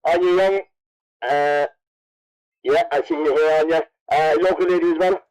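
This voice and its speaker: A man's voice: on the high side, steady tone, normal speed, a little mellow, low-quality recording. An Irish man working as MC at an event, announcing and interviewing people in a jokey, teasing way. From Cavan, Ireland. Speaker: MC of a best dressed contest at horse races. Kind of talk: announcing and interviewing over a public address.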